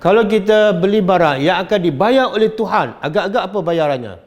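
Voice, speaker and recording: A middle-aged man with a Malaysian Malay accent, giving a religious study lecture and questioning his audience in an animated, teasing way. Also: high voice, a little fast. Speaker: religious teacher.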